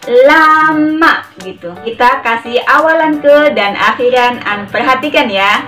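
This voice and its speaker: A woman with a high voice leads a chatty, casual sign language tutorial, slowly repeating each word as she demonstrates the sign. She sits a little away from the mic, so she sounds distant, with soft music playing faintly underneath.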